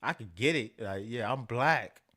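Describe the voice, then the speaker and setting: Man ranting with big pitch swings. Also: animated, a little slow, pushed and bright. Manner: repetitive, profane, emphatic, mocking. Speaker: show host. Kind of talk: animated commentary rant.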